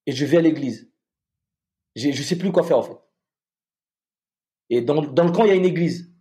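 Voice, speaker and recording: A man, a soldier, telling a personal story in a halting way, with many repeated restarts. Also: on the high side, dark tone.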